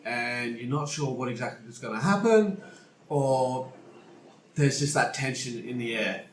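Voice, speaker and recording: A man's voice: medium pitch, lively intonation, unhurried. Man narrating as game master, roomy mic. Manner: casual, hesitant storytelling with restarts. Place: room with friends around a table. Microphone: single shared mic on the table. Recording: roomy single-mic recording with faint noise.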